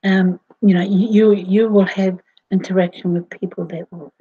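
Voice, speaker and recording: A woman, talking slowly to her viewers in a rambling way, with many fillers and restarts. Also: mid-range voice, steady tone, dark tone, dull audio. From New Zealand. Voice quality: husky. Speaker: vlogger. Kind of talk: casual monologue to camera.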